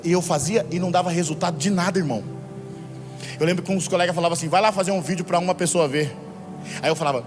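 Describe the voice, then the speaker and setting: A man preaching a sermon to church volunteers, moving from low, conversational talk to fervent shouting. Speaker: pastor. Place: church hall. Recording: long hall reverb, faint music behind.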